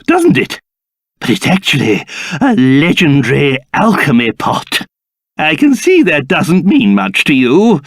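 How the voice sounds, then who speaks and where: A man voicing a pompous, excitable old cursed king in a video game, with a British accent and old-fashioned, theatrical speech. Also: on the high side, no echo, clean studio sound, exaggerated voice. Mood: proud, explaining. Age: older. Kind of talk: video game character voice acting.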